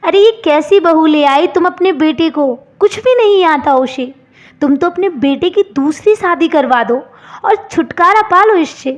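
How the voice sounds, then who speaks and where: A woman's voice: very high voice, expressive, measured pace, highs cut off. A woman voicing gossiping neighbor women who find fault in a storybook tale. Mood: gossipy. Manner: gossipy, mocking.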